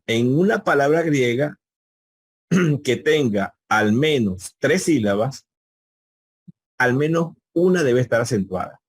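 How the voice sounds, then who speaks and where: A man's voice: mid-range voice, breathy edge, no echo. A man teaching a live online Greek class over a video call, patiently repeating key words and quizzing his students.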